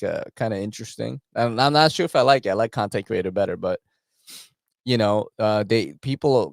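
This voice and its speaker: A man's voice: lowish voice, no room sound, studio quality. A man, hosting a casual, rambling knife-channel chat full of slang. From New York City. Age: 40s. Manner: rambling, laughing, slangy with frequent filler.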